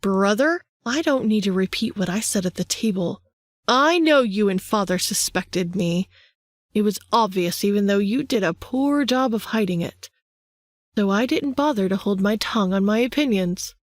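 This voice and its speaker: A woman's voice: mid-range voice, animated, normal speed, dry recording, studio quality, natural voice. A woman voicing a power-hungry vampire man who taunts his younger brother in a sing-song way. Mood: menacing.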